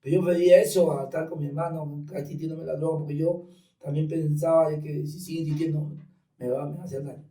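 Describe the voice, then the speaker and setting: A man's voice: fairly high pitch, quick pace, recorded from a distance. Man telling his testimony. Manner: animated storyteller acting out dialogue. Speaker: guest giving testimony. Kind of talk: personal testimony in conversation. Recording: roomy sound from off mic.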